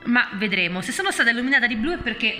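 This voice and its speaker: A young woman who writes novels chats with her viewers in a lively, animated way, speaking indoors at home. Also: a little high, very fast, soft background music. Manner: chatty, animated, exasperated. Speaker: novelist vlogger. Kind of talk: casual vlog chat. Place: indoors, living room at home. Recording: echoey room.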